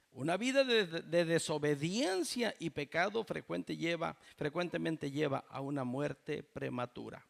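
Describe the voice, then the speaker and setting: A man's voice: fairly high pitch, creaky. A man, preaching a fervent sermon as pastor and often addressing the congregation as brothers. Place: church.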